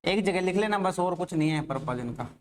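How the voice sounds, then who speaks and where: A male maths teacher with a Rajasthani Hindi accent lectures a class in a high voice. He walks through formulas step by step. He keeps asking the students questions and then answering them himself. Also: animated, a little fast.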